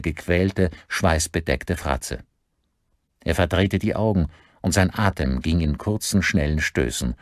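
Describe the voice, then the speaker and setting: A man narrating a thriller audiobook in a measured, expressive storytelling manner, recorded close in a studio. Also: low-pitched, dry recording.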